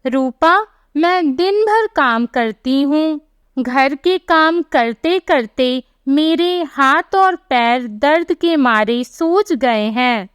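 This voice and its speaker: A woman's voice: high-pitched, animated, very slow, no echo, heavily acted. A woman voicing a timid, overworked young daughter-in-law in a storybook tale, speaking meekly and pleading. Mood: tearful. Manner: meek, pleading.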